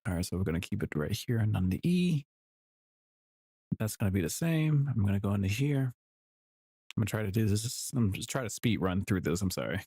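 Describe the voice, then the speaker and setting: A man with a very low, mellow voice rambles easily while he works on his music, correcting himself as he goes. The sound is dry and close, with no room around it. His tone stays relaxed and unhurried. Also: slightly rough, no room sound. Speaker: music producer streaming his work. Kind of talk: casual commentary while working.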